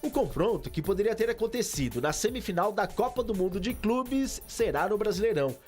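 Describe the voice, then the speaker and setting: High, animated Brazilian male sports reporter. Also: a little fast. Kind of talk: scripted news narration. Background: music.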